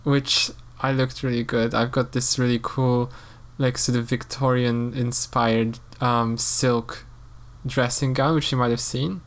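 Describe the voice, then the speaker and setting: A man's voice: medium pitch, flat delivery, measured pace. A chatty man with an Eastern European accent talks casually with a friend, his voice sitting in a middling register. He laughs often and trails off mid-thought before picking his sentences back up. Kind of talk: casual chat.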